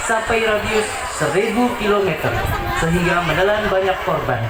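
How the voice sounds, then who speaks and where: A man reading comic parody news as a mock-serious announcer. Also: high-pitched. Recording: noisy, echoey recording with loud crowd. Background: loud crowd and noise.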